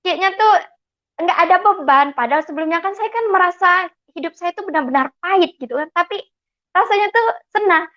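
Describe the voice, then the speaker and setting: Animated woman. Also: very high voice, brisk. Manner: animated storyteller who acts out remembered dialogue. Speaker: convert giving a testimony. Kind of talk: personal testimony. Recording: dull lo-fi recording.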